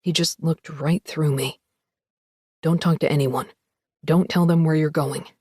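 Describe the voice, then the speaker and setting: A woman reading an audiobook, voicing a frightened husband who leaves his wife an urgent, hushed warning. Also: deep voice, steady tone, a little slow, slightly rough, no room sound, clean studio sound, voice pushed down.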